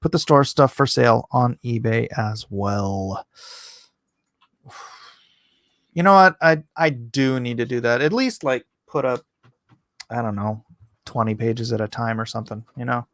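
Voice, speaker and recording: A man with a mid-range, fairly bright voice hosts a casual live online art auction, chatting and reading comments aloud at a measured pace with long pauses. His style is playful and theatrical, complete with hammy countdowns, and the studio-quality audio has no echo.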